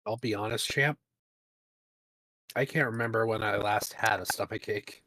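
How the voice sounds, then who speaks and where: A man's voice: on the low side, steady tone, moderate pace, bright, forceful tone, no room sound, low-quality recording. A man chatting casually with his partner on a stream, making dry offhand remarks. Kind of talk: casual chat.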